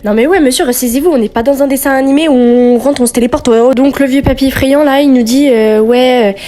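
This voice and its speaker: A woman's voice: high voice, quick pace, mellow. A young woman doing casual horror game streamer commentary, reading dialogue aloud and reacting in slangy speech.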